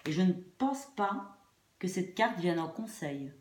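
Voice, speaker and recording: A woman with a throat infection gives an informal tarot reading for online viewers, her fairly low, slightly mellow voice lively in intonation but measured in pace. She hesitates, trails off, and repeats phrases, and the echoey room carries faint noise and clicks.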